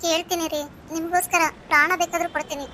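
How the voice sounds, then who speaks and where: A woman's voice: very high-pitched, level tone, racing, background noise. A woman voicing a young orphaned wife in a cartoon story, pleading and full of questions. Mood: wounded.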